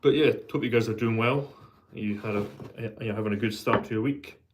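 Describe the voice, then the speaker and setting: A man chatting casually as a pipe maker on his vlog, thinking aloud in a halting way and repeating words. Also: on the low side, slight background noise. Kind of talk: casual, rambling hobby vlog chat.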